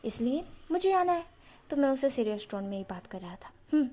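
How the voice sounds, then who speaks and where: A possessive young gangster boss, curt with his men and sweetly cooing with the one he loves, as a woman reads him out. The voice sits a little high, with a mellow, soft tone. The telling sounds like a casual spoken fanfiction story. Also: very animated, brisk. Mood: doting.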